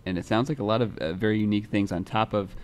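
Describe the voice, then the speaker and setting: A young man with a deep voice, a music writer hosting a show, chats casually in a newsroom studio at a desk microphone. He talks quickly in a relaxed, rambling way, full of fillers and restarts.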